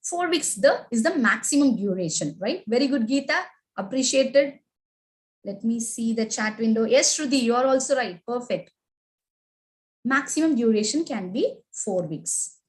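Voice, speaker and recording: A woman's voice: on the high side, animated, normal speed, low-quality recording. A woman with an Indian English accent, teaching a live online class. She asks the class questions, reads their chat answers aloud and keeps adding "right?" and "okay?". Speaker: agile training instructor.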